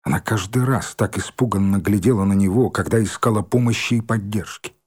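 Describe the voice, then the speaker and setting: A man reading a children's novel as an audiobook, expressive and voicing every character. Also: on the low side, a little fast, breathy edge. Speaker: audiobook narrator.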